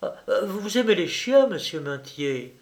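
A man's voice: sits high, very animated, unhurried, pitched above the performer's own voice, exaggerated voice. A man voicing an affected young woman who gushes and coos baby talk at her little dog. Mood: chatty. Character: gushing, affected young Parisian woman fussing over lapdog.

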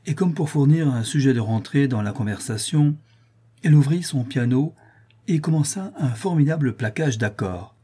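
A man reading a classic story aloud in an even, measured way. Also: medium pitch, slightly rough. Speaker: narrator.

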